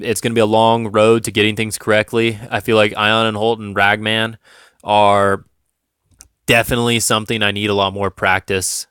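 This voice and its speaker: A man's voice: lowish voice, fairly bright tone, clear, resonant tone, no echo, studio quality. A young man casually recapping a tabletop game, chatty and self-deprecating, laughing often. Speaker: tabletop game channel host.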